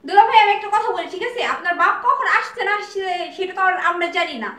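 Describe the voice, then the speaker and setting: A woman's voice: very high-pitched, quick pace, sharp tone, echoey room. A woman playing an indignant proud younger sister. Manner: indignant, insulted.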